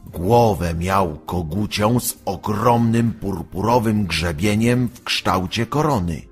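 Slow, expressive male storyteller. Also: lowish voice, husky. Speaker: narrator. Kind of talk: storybook narration. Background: faint music.

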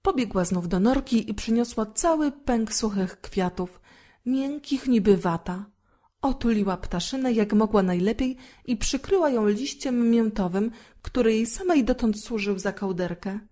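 A woman reading a fairy tale aloud as a storyteller, gentle and expressive. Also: on the high side, unhurried.

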